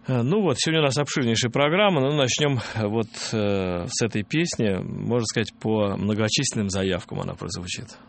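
A man presenting a late-night music radio show in a courtly, formal way, with hesitant pauses. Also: lowish voice, creaky. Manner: courtly, old-fashioned formal address. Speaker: radio host. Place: radio studio. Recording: faint background noise.

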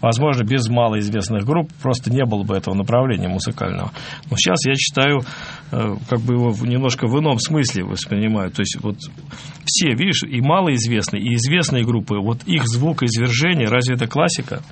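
A man's voice: mid-range voice, fairly quick, creaky, a little hiss or hum. A man hosting a live radio music show in a casual, somewhat hesitant and rambling way.

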